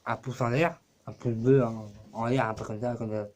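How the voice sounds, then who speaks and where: A man's voice: mid-range voice, fairly even intonation, normal speed, darkish tone, slight background noise. A man talking casually to his camera for his own channel, rambling and cursing with many fillers. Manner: rambling, profane, full of fillers. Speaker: YouTuber.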